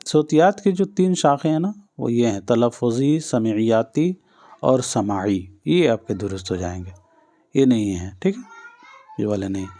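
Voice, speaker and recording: Mellow-voiced male teacher drilling exam answers. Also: mid-range voice. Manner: patient, repeats each answer, addresses listeners directly. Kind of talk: exam-prep lesson.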